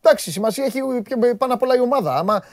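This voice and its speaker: A man's voice: extremely high pitch, lively intonation, no echo, clean studio sound. A man with a Greek accent hosting a casual sports talk show, chatty and full of questions. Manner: chatty, questioning, interjects often. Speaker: podcast host.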